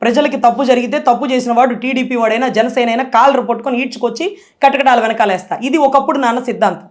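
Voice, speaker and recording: Rapid, high-pitched, impassioned woman. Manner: impassioned, fast, emphatic, addresses interviewer as sir. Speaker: politician and advocate, interviewee. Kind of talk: emotional political interview.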